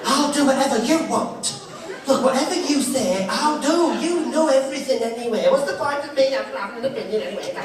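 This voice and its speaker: A man's voice: very high-pitched, fairly quick, background noise. A man putting on a sulky, martyred wife. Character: meek, passive-aggressive wife. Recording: echoey hall from far, loud crowd.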